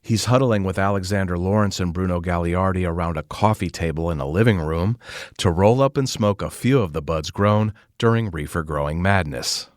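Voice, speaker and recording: A man's voice: sits low, moderate pace, dry recording, clean studio sound. A man reading scripted feature narration as a reporter.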